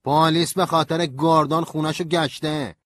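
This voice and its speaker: A man playing a cheerful, crude, energetic young man in an audiobook, brash and slangy in his delivery. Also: fairly high pitch, no echo, studio quality. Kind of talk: audiobook character reading.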